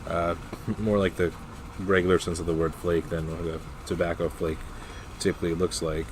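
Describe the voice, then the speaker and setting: Deep-voiced man, casual halting reviewer. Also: flat delivery, background noise. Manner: halting, unscripted, matter-of-fact. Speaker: pipe tobacco reviewer.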